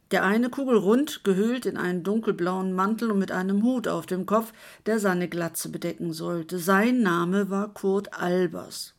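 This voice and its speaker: Female story narrator, measured delivery, medium pitch. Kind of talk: scripted narration.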